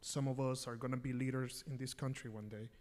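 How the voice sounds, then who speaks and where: A man's voice: mid-range voice, steady tone, a little fast, a little mellow. Earnest young man from El Salvador. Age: young adult. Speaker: graduate student asking a question. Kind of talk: audience question. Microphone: standing mic.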